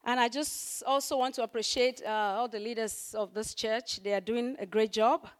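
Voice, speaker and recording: Still hoarse after losing her voice, this woman preaches as a guest to a congregation in a chatty style full of fillers like "you know." Her pitch is fairly high, her tone steady, and her speed normal, and she gains power when quoting scripture or stressing a point.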